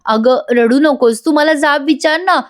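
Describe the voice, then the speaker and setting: A guilt-ridden younger sister begs her older sister through tears, as a woman reviewer puts her on. The pitch climbs well above the teller's own, imploring and raw. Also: unhurried.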